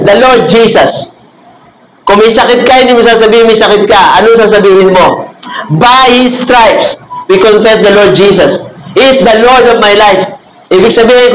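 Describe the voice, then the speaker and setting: A man with a high voice preaching to a small group, moving between Tagalog and English and slowing on the words he wants to land. The room is echoey and carries a faint hum of ambient noise. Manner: switches between Tagalog and English, slows to stress key phrases. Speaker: cell group leader. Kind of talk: sermon.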